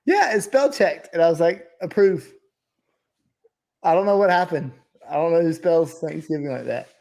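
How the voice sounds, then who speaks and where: A man's voice: fairly high pitch, fairly quick, creaky, darkish tone. A man chatting casually and informally as a co-host, with a folksy way of talking. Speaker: podcast co-host, volume photographer. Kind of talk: casual chat.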